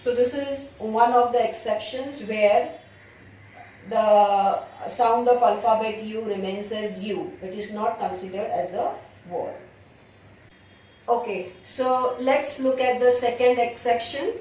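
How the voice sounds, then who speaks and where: A woman with an Indian accent teaching an English grammar lesson, dictating example sentences slowly and explaining quickly in Hindi. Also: fairly high pitch, darkish tone. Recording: far-off echoey room recording.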